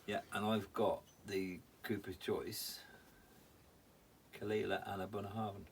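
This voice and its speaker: A man with a lowish, creaky voice chats casually as a podcast co-host. His manner is matey and teasing, like boozy banter among friends. Background noise is audible. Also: little pitch movement, measured pace.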